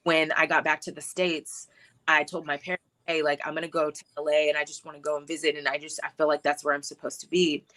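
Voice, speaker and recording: A woman in her thirties sits as the guest on a talk show and tells her life story in a casual, reflective way. Her voice is bright, and she drops in fillers and laughs easily. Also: deep voice, little pitch movement, fast talker. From born in Hawaii, grew up in Texas. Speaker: filmmaker guest.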